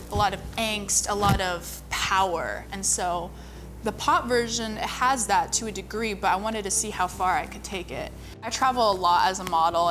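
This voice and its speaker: A young woman who sings and models chats casually about her music, telling personal stories packed with "like" fillers. Her voice is mid-range and a bit bright, and music plays underneath.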